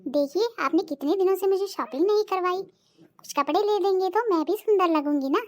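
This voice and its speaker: A voice artist playing a bossy, sharp-tongued middle-aged cartoon wife who nags and threatens. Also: extremely high pitch, a little fast. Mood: sweet-talking. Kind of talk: cartoon voice acting.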